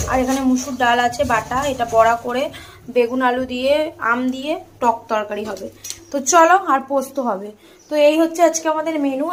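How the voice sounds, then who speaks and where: A quick-talking young woman with a slightly high voice, filming a casual home vlog on her phone. She chats straight to her viewers and sounds a little out of breath. A faint hum of the surroundings sits behind her. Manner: chatty, addresses viewers directly. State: out of breath from the heat. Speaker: family vlogger. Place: house and sunny rooftop, indoors and out.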